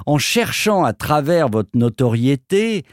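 Animated male radio host, dry studio sound. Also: on the high side, a little slow, no echo. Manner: animated, formal. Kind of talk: radio interview.

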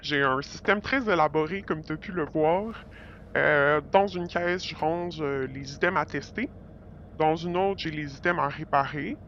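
A performer plays a secretive woman who drives a van in a radio drama, her voice masked by a voice changer. She speaks at a middle pitch and hesitates often between words. The sound is dull and lo-fi, with faint noise behind her. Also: a little slow, fairly bright tone. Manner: hesitant, lots of filler sounds. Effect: voice changer disguising the voice.

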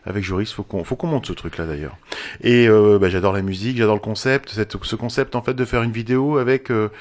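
A man hosting a music radio show, chatty and relaxed with fillers. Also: fairly low pitch, fairly quick. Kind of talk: casual radio chat.

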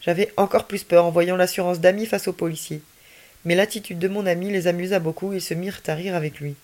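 A woman storyteller reading a children's story aloud in an expressive, lively way. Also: fairly low pitch, fast.

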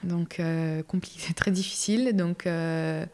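A young woman giving a personal testimony as a podcast guest, talking casually with many fillers and restarts in a halting, emotional way. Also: lowish voice, fairly even intonation, a little mellow.

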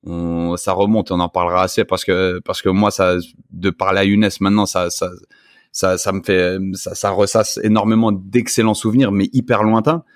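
A man's voice: deep voice, level tone, normal speed, dry recording, studio quality. A man co-hosting a casual podcast, repeating words as he searches for his phrasing. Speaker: co-host.

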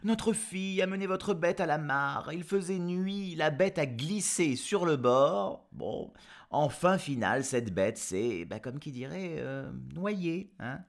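A man's voice: fairly high pitch, expressive, takes it slowly. A man voicing a hesitant innkeeper who stammers an apology about a drowned horse. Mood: apologetic.

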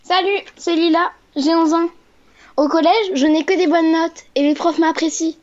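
A woman's voice: very high-pitched, steady tone, moderate pace, a little hiss or hum. An actress voicing a polite, earnest eleven-year-old girl leaving a recorded message in an audio drama. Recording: dull voice-message sound.

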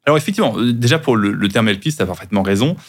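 A man's voice: lowish voice, animated, rapid-fire. Lawyer guy on a podcast, explains stuff, lots of euh and restarts. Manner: explanatory, with frequent restarts and fillers. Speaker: lawyer guest.

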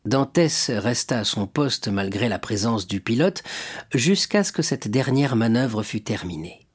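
Husky male audiobook narrator. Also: mid-range voice, lively intonation. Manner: measured storytelling. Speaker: audiobook reader. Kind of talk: scripted narration.

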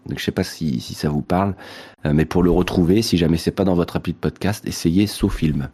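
A man's voice: low-pitched, a little fast, warm tone, husky. A man co-hosting a podcast, chatting casually with many fillers and repeated "et cetera". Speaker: podcast co-host. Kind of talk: casual chat, recommending a podcast.

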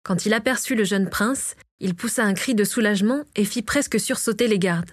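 A woman narrating a storybook chapter in a steady scripted reading. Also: medium pitch, moderate pace, no echo, clean studio sound. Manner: reads all characters herself, lightly varying her voice. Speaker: audiobook narrator.

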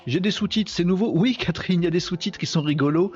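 A man's voice: high-pitched, quick pace, a little mellow, husky, lo-fi sound, soft background music. Chatty man hosting a live stream. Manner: chatty, joking, addresses viewers by name. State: tired. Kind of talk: casual live stream chat.

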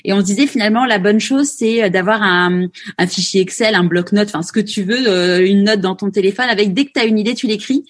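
A woman interviewing a guest in a relaxed conversation, speaking haltingly with many fillers and restarts. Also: mid-range voice.

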